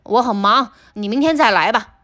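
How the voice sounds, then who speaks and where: A woman voicing a boastful, lazy male dragon in a storybook reading, with a slow, smug drawl. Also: on the high side, bright, forceful tone. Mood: dismissive.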